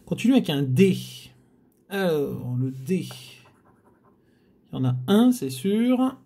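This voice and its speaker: A man comments casually on his scratch tickets, speaking to his viewers as if they sat beside him. He takes his time, his pitch rising and falling a lot, with frequent sighs and little groans when the letters don't come. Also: very animated, slow, vocal fry, warm tone, breathy edge. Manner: chatty, addresses viewers, frequent sighs and groans at bad luck. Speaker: scratch-card video host.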